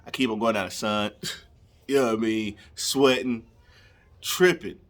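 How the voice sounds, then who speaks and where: A man's voice: fairly low pitch, fairly even intonation, moderate pace. A young man, telling a comedic story casually and animatedly, laughing and acting out scenes. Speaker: storyteller vlogger.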